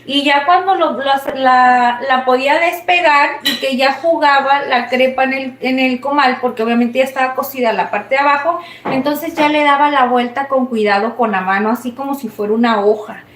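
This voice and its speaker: A woman's voice: high voice, steady tone, moderate pace, few pauses, a bit bright, reverberant. A woman with a Mexican accent chatting casually and rambling while she cooks, often laughing. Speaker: cooking vlogger. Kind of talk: casual chat while cooking.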